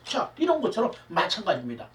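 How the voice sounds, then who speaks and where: Animated Korean pastor preaching in a roomy hall. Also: male voice, high voice, fast, slight background noise. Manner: emphatic preaching, rhetorical questions to viewers. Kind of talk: sermon. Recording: roomy hall, mic at a distance.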